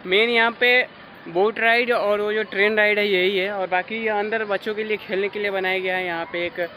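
A man's voice: high-pitched, steady tone, fairly quick, a little hiss or hum. A young man vlogging on a walking tour of a lakeside park, chatting to viewers as he points things out and filming on a phone at arm's length. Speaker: travel vlogger. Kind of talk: casual walking tour vlog. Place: outdoor park by a lake, crowded. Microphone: phone camera held at arm's length. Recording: loud crowd and music around. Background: loud crowd chatter and music.

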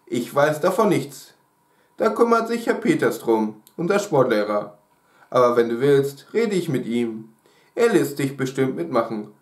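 A man's voice: mid-range voice, sing-song, a little slow. A man voicing a strict woman schoolteacher in a read-aloud story, firm and questioning. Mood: friendly. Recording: roomy echo.

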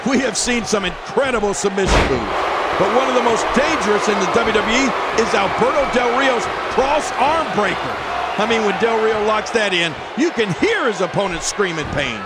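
A man's voice: high-pitched, expressive, normal speed. A man playing an emphatic wrestling commentator in a video game, giving sports commentary. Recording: loud arena noise behind.

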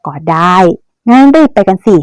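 A woman's voice: normal speed, a little mellow, dry recording, lo-fi sound, natural voice. A woman voicing a playful young husband who grumbles and teases in a Chinese audio novel. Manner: grumbling, mock-reluctant.

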